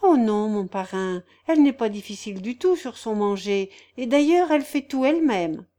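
A woman's voice: fairly high pitch, expressive, moderate pace, mellow, lightly acted. A woman reading a novel aloud voices a simple, devout young peasant girl with artless, rustic phrasing. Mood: earnest. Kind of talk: audiobook character voice.

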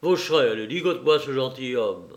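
A man voicing a commanding, sardonic gentleman burglar in an audiobook reading, brisk and bossy with his accomplices. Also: medium pitch, expressive, close to an everyday voice.

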